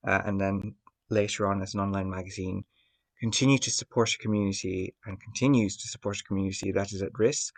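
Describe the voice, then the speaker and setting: A man from Bangladesh, a contributing editor, telling his own story in a soft-spoken way with frequent um fillers. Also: lowish voice. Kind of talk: personal testimony.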